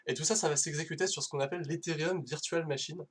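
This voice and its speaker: A fast-talking man with a fairly high, fairly even voice presents a casual technical talk on a live stream as a conference speaker. He's self-deprecating and hesitant, full of fillers and false starts.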